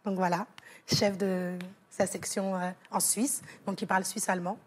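A woman's voice: medium pitch, little pitch movement, normal speed, a little hiss or hum. A woman from France, a talk show guest, telling an emotional personal story, rambling with fillers and restarts. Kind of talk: studio interview, personal story. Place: TV studio set.

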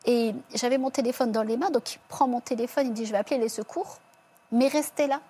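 A woman giving a personal testimony in an interview, telling it quietly and haltingly, with many restarts and self-corrections. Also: fairly high pitch, steady tone, breathy edge.

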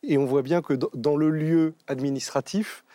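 A man author musing aloud on a TV talk show in halting phrases. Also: a little high, warm tone, dry recording. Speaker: author guest. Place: TV studio.

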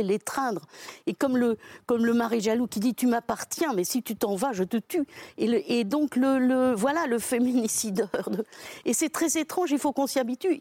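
A woman's voice: fairly high pitch, mellow, no echo. A woman guest in a studio debate, speaking emphatically and thinking aloud with frequent restarts. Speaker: guest commentator.

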